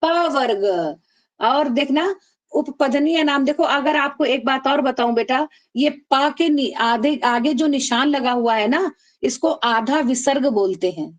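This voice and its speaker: A woman teaching an online class, affectionately calling her students "beta" and chanting rules slowly for them to repeat. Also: high voice. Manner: calls students "beta", drills them call-and-response. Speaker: Sanskrit teacher.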